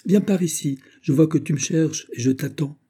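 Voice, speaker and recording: A man's voice: on the high side, normal speed, warm tone, breathy edge, voice pushed up. A man reading an audiobook voices a capricious, coquettish young royal princess, speaking in a raised, imperious and peevish way.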